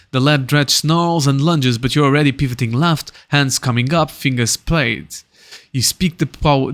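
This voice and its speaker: A man's voice: medium pitch, fairly bright tone. A man playing a solo tabletop game, reading the dungeon narration aloud and musing about his moves between turns, humming to himself now and then. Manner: muses aloud, hums tunes between turns.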